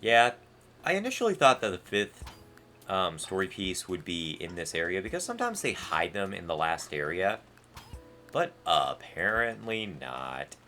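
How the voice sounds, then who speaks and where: A bright-toned man rambles through casual let's play commentary, his lower voice swinging widely in pitch as he jumps between thoughts. He tosses in sarcastic asides, and faint game music plays under him. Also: sing-song, moderate pace.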